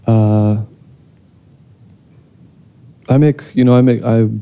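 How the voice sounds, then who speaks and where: A man's voice: mid-range voice, fairly even intonation, slow, clean tone, phone-quality sound. A man in his thirties answering audience questions after a screening, speaking into a handheld mic on a theater stage, thoughtful and hesitant with many restarts. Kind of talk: post-screening Q&A.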